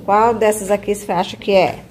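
A woman's voice: mid-range voice, fairly even intonation, fairly quick, a little mellow, slight background noise. A woman teacher guiding a child through a reading lesson, patiently coaxing and stretching out syllables. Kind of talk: one-on-one literacy lesson.

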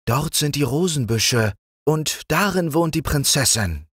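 A man voicing a modest, devoted green frog in a storybook reading, speaking gently. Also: a little high, expressive, a little slow, slightly rough, no echo, clean studio sound, voice pushed up, exaggerated voice. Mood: gentle.

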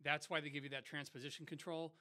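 A young music producer from San Diego, USA, hosts a casual software tutorial in a laid-back, slangy, conversational style. His voice is fairly high with little pitch movement, and he talks fast.

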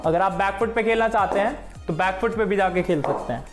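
A young man walks viewers through cricket drills at home, in a friendly, instructive way. He speaks to a camera set across the room. Soft music plays behind him. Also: high-pitched, brisk. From Haryana, India. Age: young adult. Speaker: cricket coach.

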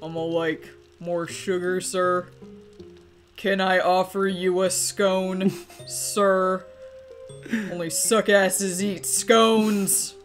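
A woman's voice: lowish voice, flat delivery, very slow, faint music behind. A woman voicing a small tea-serving bud character from a game, mock-polite and cheeky. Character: slangy tea-serving little bud who secretly loves to rebel. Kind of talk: playful game dialogue read-aloud.

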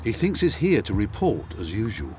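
A man's voice: on the low side, moderate pace, noisy background. A man narrating a factual documentary in a scripted, dramatic way. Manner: dramatic, lively delivery. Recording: voice-over with loud music behind.

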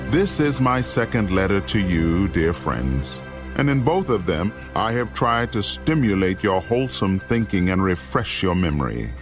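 A man playing the solemn apostle Peter in a dramatized scripture reading, speaking with deliberate, oratorical weight. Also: sits low. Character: apostle Peter, solemn elder man warning his flock.

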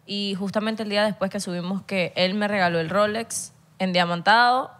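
A woman chimes in on a casual podcast conversation. Her voice sits in a middle range, and she explains things in a calm, matter-of-fact way. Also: mid-range voice, normal speed. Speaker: guest's wife.

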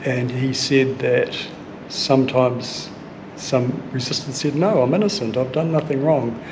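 A man in his fifties with a New Zealand accent, talking earnestly and thoughtfully in a museum and archive, pausing to pick his words. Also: medium pitch, noisy background. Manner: earnest, measured, with thoughtful pauses and fillers. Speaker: sailing vlogger recounting family history. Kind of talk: casual explanation on camera. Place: indoor archive room and museum hall. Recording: music bed underneath.

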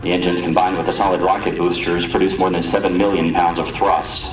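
A man reporting flight figures briskly and evenly as mission control commentator over a public-address loudspeaker. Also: deep voice, little pitch movement. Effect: public-address loudspeaker broadcast. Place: outdoors at a launch viewing site. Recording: distant echoey loudspeaker, dull, noisy.

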